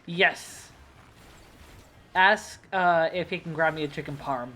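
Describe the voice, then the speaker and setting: A young adult streamer from the United States chats casually at a desk mic during a livestream, rambling with lots of fillers and laughing easily. The voice is medium-pitched, slow and sharp in tone, with slight background noise.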